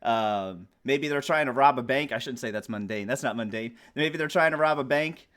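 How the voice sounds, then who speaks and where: Enthusiastic male guest, mid-pitch, casual and jokey. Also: normal speed, a bit bright. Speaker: game designer guest. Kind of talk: casual chat.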